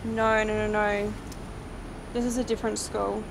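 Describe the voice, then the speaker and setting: A woman's voice: mid-range voice, little pitch movement, unhurried, vocal fry. A young woman hosting a paranormal vlog, chatting casually as she walks through a cemetery at night and reads names off the headstones. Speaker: paranormal vlogger host. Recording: noisy outdoor night recording.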